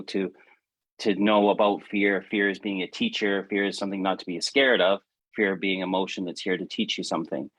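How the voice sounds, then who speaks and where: A man in his fifties co-hosting a podcast, speaking earnestly and haltingly, often repeating words as he thinks. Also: low voice, a bit bright, dry recording, low-quality recording. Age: 50s. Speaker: podcast co-host. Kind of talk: reflective casual chat.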